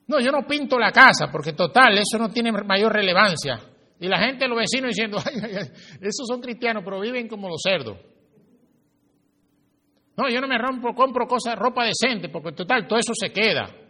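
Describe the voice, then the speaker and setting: A man preaching a sermon as pastor to his church, swinging his pitch and volume for emphasis. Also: expressive, moderate pace, pushed and bright, breathy edge. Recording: reverberant hall.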